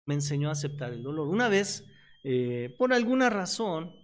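A man's voice: a little high, normal speed, a little hiss or hum. A man preaching on the radio with a Mexican Spanish accent, telling stories and acting out the voices of the people in them. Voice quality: animated storyteller who acts out quoted voices. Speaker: pastor and radio host. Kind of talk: radio sermon. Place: radio studio.

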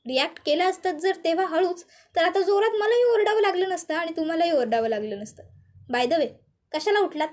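A woman's voice: very high-pitched, expressive, brisk. Woman doing a teasing young husband. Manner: joking, coaxing, second-guessing himself.

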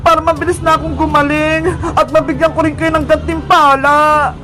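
A woman's voice: high-pitched, flat delivery, normal speed, sharp tone. A woman voicing a weak, wounded female fairy who talks in a whiny, tearful way. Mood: grateful. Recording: music playing behind.

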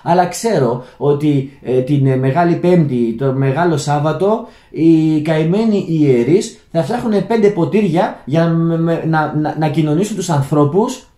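A man's voice: on the high side, few pauses, warm tone. Greek man ranting in echoey room. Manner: rambling, many restarts, addresses "friends". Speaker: channel host. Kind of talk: unscripted monologue to viewers. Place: Germany, indoor room.

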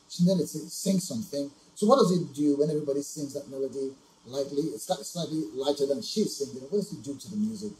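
A man's voice: mid-range voice, warm tone, reverberant, slight background noise, rough recording. A man co-hosting a vocal reaction show, earnestly explaining music production in casual chat. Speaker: music coach co-host.

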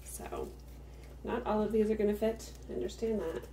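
A woman's voice: medium pitch, moderate pace, warm tone, distant mic, slight background noise. A woman hosting a cook-with-me video, explaining each step at an easy pace while she works in her home kitchen. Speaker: home cook, farmstead channel host. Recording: roomy kitchen sound from off-mic.

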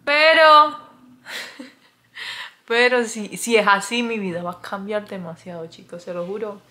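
A young woman talking to her phone camera in a casual confessional vlog, chatty and dramatic, with nervous laughs and soft murmured asides. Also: mid-range voice, measured pace. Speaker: vlogger.

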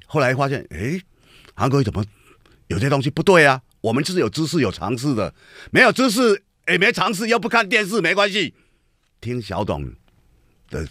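Animated man hosting talk radio. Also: mid-range voice, no echo, studio quality. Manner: emphatic, rhetorical questions to listeners. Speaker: radio talk show host. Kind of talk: political commentary monologue. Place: radio studio.

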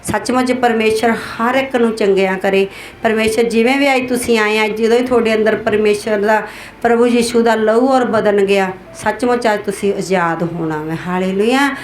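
A woman's voice: fairly high pitch, steady tone, normal speed, reverberant, a little hiss or hum. A woman pastor preaching a sermon, exhorting her congregation and repeating hallelujah between phrases.

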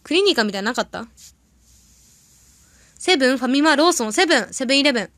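A young woman with a bright, high voice chats casually to her livestream audience. She rambles through stories and reacts quickly to comments. The sound is dry, with no room echo. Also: animated. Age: young adult. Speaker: idol audition candidate livestreaming. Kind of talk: casual livestream chat reading viewer comments.

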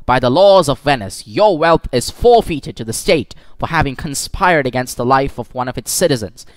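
Shrewd disguised young woman counsel read by a man, firm and measured, lively lilt. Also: medium pitch, no echo, lightly acted. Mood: stern. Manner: firm, measured courtroom pleading.

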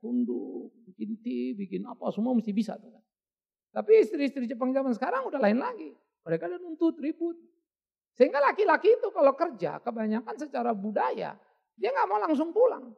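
Male pastor, sermon, very high pitch, animated, wordplay, dull lo-fi church recording. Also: creaky, slightly rough. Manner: playful wordplay, rhetorical questions. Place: church service.

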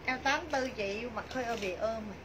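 A middle-aged woman with a southern Vietnamese accent giving a chatty, repetitive live sales pitch to viewers from a small clothing shop. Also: normal speed. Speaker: clothing shop livestream seller. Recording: noisy shop livestream, clear background noise.

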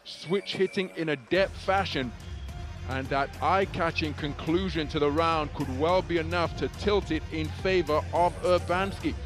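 A man's voice: fairly high pitch, a little slow, music in the background. A man giving live boxing commentary, fluent and articulate play-by-play with vivid wording.

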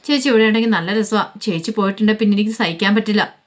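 A lively teenage girl, outspoken and quick to protest, pipes up in a told family story, as a woman storyteller puts her on. Her voice rises higher than the storyteller's own and stays eager. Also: natural voice.

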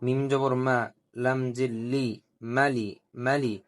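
A man teaching Quran recitation, spelling out letters and vowel marks and repeating each syllable slowly, with drawn-out melodic chanting of the verses. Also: medium pitch, little pitch movement. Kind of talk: slow letter-by-letter recitation lesson.

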